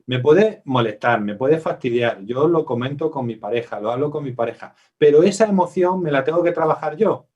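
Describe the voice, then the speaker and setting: Guy psychologist talking to parents, chatty, asks the room questions, slightly high voice. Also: lively intonation, brisk, hardly any pauses, breathy edge, far from the mic, lo-fi sound. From Spain. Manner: conversational, asks the audience questions, acts out quotes. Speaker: psychologist giving a parenting workshop. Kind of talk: live workshop talk to parents.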